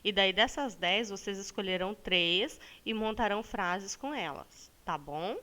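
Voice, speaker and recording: Bright, clear Brazilian woman teacher. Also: mid-range voice. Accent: Brazilian Portuguese. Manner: patient, stretches words slowly to show the stressed syllable; ends phrases with a checking "tá bom?". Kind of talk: recorded classroom lesson for students.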